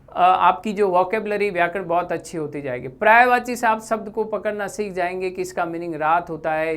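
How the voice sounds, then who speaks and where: A woman teaching Hindi grammar, explaining deliberately and repeating key terms while pointing to examples on a board. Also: fairly low pitch, a bit bright.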